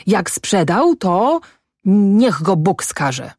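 A woman's voice: on the low side, sing-song, a little slow, darkish tone, no echo, clean studio sound. A woman voicing an angry, stubborn peasant farm wife in an audiobook, scolding her husband with a rising voice. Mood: furious. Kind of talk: audiobook character voice.

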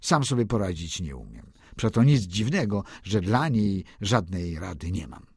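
A man's voice: low-pitched, very animated, normal speed, a little mellow, breathy edge, dry recording, studio quality. A man reading a classic novel aloud as an audiobook, narrating a first-person diary with passion.

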